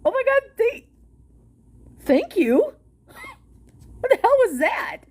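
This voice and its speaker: Reading out a policy document during her livestream, this host banters eagerly with her audience, loud, slow and very high-pitched, swearing freely in a relaxed way.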